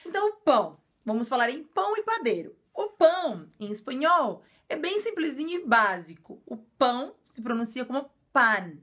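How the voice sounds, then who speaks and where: Brazilian woman, high voice, casual video teacher who repeats and explains patiently. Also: sing-song, fairly bright tone. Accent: Brazilian Portuguese. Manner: explains slowly and repeats words, frequent filler "é". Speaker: language teacher.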